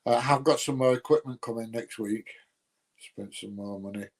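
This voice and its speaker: A man from Nottinghamshire, whose accent sounds close to Yorkshire, hosts a livestream answering viewer comments. He speaks at medium pitch and a moderate pace, blunt and colloquial, with a dry, grumbling humour.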